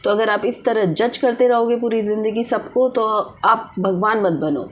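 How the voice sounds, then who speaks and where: A woman's voice: on the high side, normal speed. A woman reading tarot for viewers, giving direct advice and mixing English words into Hindi. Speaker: tarot reader.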